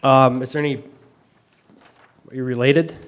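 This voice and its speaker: A man chairs a formal hearing in a brisk, procedural way, with a few "uh"s between items. He sits at a middle pitch. The sound is a courtroom-style hearing room recording, with the voice sometimes a little off the mic. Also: fairly even intonation, smooth. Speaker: board chair.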